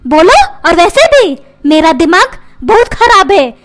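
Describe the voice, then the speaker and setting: A woman's voice: very high-pitched, big pitch swings, measured pace, heavily acted. A woman voicing a dramatic, nagging cartoon mother who complains about her husband.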